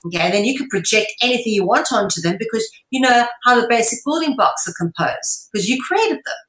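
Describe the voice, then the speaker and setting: A woman with a fairly high, slightly bright voice talks fast and animatedly as an interview guest who also presents an online show. She explains her ideas at length in an earnest, emphatic, lecturing manner, recorded in an echoey room.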